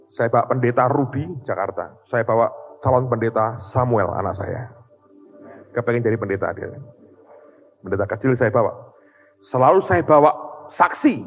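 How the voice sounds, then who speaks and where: A man, preaching a sermon as a pastor, telling a testimony with animated storytelling that rises to loud emotional peaks. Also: medium pitch. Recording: dull reverberant church hall recording with faint music.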